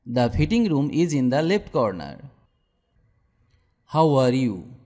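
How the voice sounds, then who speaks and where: A man's voice: medium pitch, very animated, takes it slowly, mellow. A man teaching English by reading short questions and answers, saying each phrase twice. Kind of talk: repeated phrase drills. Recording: long hall reverb.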